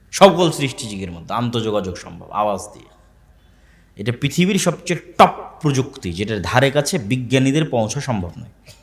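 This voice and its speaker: Male preacher, mid-pitched voice, questions the crowd and repeats key phrases, long hall reverb. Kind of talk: sermon to a live audience.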